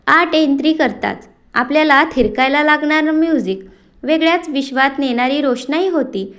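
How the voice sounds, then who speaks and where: A woman narrating a family story, reading it aloud in a descriptive, measured way. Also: sits high, expressive, a bit bright.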